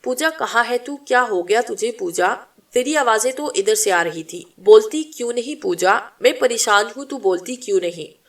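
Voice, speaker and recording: A woman's voice: on the high side, expressive, moderate pace, distant mic. A woman voicing a frail, blind old woman who calls out anxiously in a story narration. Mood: frantic. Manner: anxious calling out.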